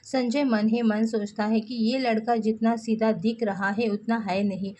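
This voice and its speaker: A woman's voice: fairly high pitch, steady tone, unhurried, warm tone, a little hiss or hum. Woman narrating a serial recap. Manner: storytelling, addresses viewers directly. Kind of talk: scripted story narration.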